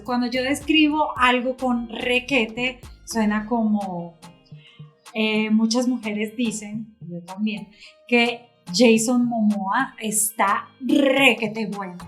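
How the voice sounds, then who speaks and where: A woman co-hosting a Spanish lesson, explaining in a lively way and affirming with quick "ujú"s. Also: a little high. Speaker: Spanish teacher.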